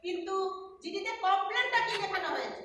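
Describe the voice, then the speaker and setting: A woman acting on stage as the defiant head of a women's consultancy, who speaks indignantly in sharp exclamations. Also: very high voice, fast talker, slight background noise. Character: proud woman running a women's consultancy, defiant then panicked. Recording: echoey hall, distant mic, music behind.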